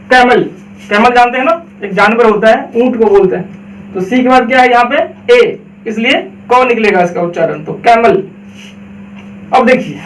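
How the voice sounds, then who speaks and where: A man's voice: very high voice, echoey room, far from the mic, low-quality recording. A man teaching a pronunciation lesson, explaining step by step and asking and answering his own questions, with a Bihari Indian accent. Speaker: English teacher.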